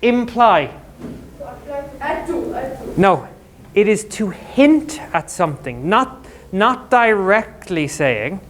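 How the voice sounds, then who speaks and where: A male English teacher in a school classroom, explaining words to students with quick, jokey everyday examples. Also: high-pitched, sing-song, slight background noise.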